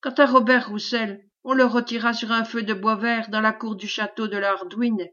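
A woman reading the lines of a servile, scheming man who flatters in a caressing, obsequious tone, in a storybook reading. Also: fairly high pitch, moderate pace, lo-fi sound. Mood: fawning. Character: fawning, sly male schemer, servile and unctuous.

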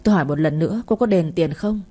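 A gruff, menacing street thug demands money, as a female narrator voices him. The tone is low, mellow and husky, delivered without much change from her own voice. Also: quick pace. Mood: threatening.

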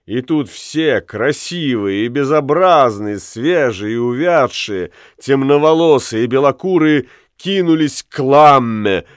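Lively male audiobook narrator. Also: medium pitch, unhurried, hardly any pauses, clear, resonant tone, dry recording. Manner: lively expressive reading. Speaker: audiobook reader. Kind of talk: scripted narration. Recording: dry studio reading with faint music.

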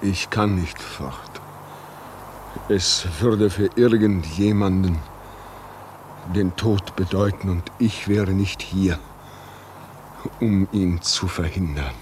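An actor playing a lonely, self-taught railway signalman who is haunted by a ghost, in a classic radio play, speaking slowly and gravely. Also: deep voice, darkish tone, slight background noise. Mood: brooding. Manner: slow, grave and brooding, rising when agitated. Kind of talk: classic radio drama acting.

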